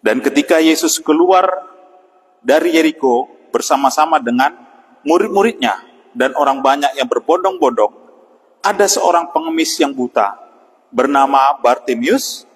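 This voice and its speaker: A man's voice: on the high side, expressive. Man preaching an evening devotional, reverberant. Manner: unhurried, with frequent "ya" and pauses. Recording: long hall reverb.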